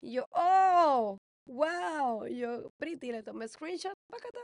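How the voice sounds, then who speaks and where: Chatty woman co-host with a gravelly edge, slips english words in, dry close sound. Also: on the high side, big pitch swings, a little fast, a little mellow, no room sound. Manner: chatty, mixes in English words, quotes dialogue dramatically. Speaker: podcast co-host. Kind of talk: casual chat.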